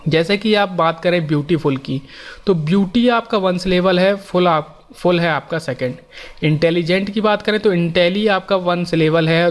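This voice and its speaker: A man teaching an exam-prep grammar lesson, explaining step by step and reading out rules slowly. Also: fairly high pitch.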